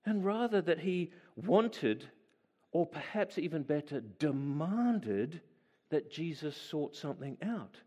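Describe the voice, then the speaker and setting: A man with a fairly high voice delivers a sermon. He reads a scripture passage aloud, then talks it through in a relaxed, musing way, asking his listeners questions as he goes. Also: a little slow, long reverb tail. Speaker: preacher.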